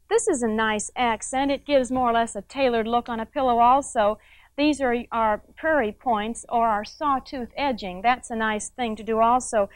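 A woman's voice: a little high, no echo, rough recording. A middle-aged woman hosting a quilting show, demonstrating step by step in a chatty way with frequent tag questions to the viewer. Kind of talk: instructional TV demonstration.

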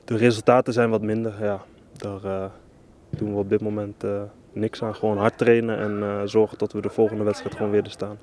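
A man's voice: on the low side, level tone, fairly quick, darkish tone. A young man, a footballer, answering interview questions hesitantly with many fillers.

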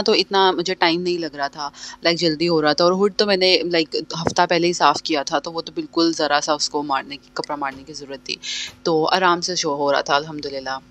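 A woman's voice: fairly low pitch, a bit bright. A young woman, narrating her home cleaning vlog in a chatty voice-over that slips between languages. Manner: chatty, mixes in English phrases, many fillers. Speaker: vlogger and homemaker. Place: home, living in London.

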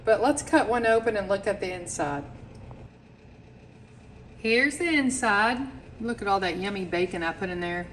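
With lively intonation, normal speed and long pauses, a medium-pitched woman chats her viewers through a cooking demonstration in her home kitchen, one step at a time. She runs a home cooking channel, and the low-quality recording has a little hiss or hum.

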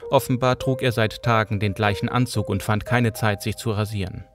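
Low-voiced man narrating an audiobook. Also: steady tone, moderate pace, over music.

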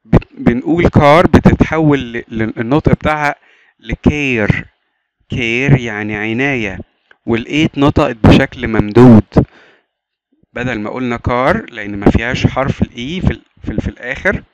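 A man with an Egyptian Arabic accent explains a primary school English lesson. He says each English word several times and then gives its meaning. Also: medium pitch. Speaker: English teacher. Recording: dull lo-fi sound with clear background noise.

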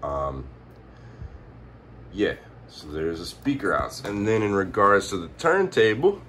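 A man's voice: on the low side, lively intonation, a little slow, fairly bright tone. A hungover man giving a casual, off-the-cuff how-to at home in a laid-back, rambling, slangy way. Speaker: presenter of a home stereo tutorial. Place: indoors at home, behind the camera. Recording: noticeable background noise, handheld home video.

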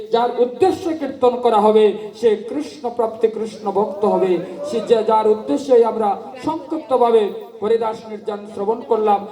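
A man with a high, mellow voice tells a devotional story as a sermon, slow and sing-song, swelling with fervor. He is picked up from a distance in an echoey hall. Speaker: kirtan preacher. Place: gathering at a memorial kirtan.

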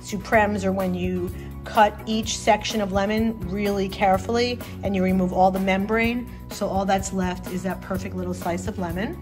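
Music and the sizzle of frying accompany a middle-aged woman as she hosts a casual cooking demonstration in an indoor home kitchen, going through a recipe step by step. She talks at normal speed, medium pitch, with fairly even intonation.

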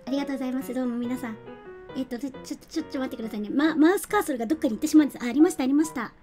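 A young woman chats with her viewers in a high, bright voice, laughing often and thanking them by name. She talks at a desk mic while faint music plays behind her. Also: racing. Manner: chatty, giggly, reads out and thanks viewers. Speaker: game streamer. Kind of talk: casual live-stream chat.

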